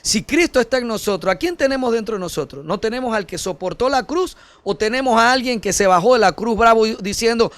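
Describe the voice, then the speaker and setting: A man preaching a sermon as pastor, earnest and emphatic, addressing listeners directly as brother and swinging between forceful peaks and soft, low passages. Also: lively intonation, brisk, hardly any pauses, no room sound.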